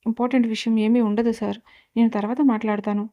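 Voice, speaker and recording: A woman voicing a timid young female student and new bride who speaks softly and hesitantly in a storybook reading. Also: fairly high pitch, level tone, fast, highs cut off, lightly acted. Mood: nervous. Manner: soft, hesitant, embarrassed.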